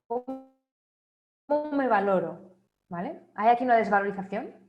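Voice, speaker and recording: A woman with a slightly high, darkish voice and lively intonation delivers a motivational talk at an online wellness congress, stringing together rhetorical questions and often ending with a checking "right?" or "¿vale?". The recording is muffled and echoey, with faint music behind her.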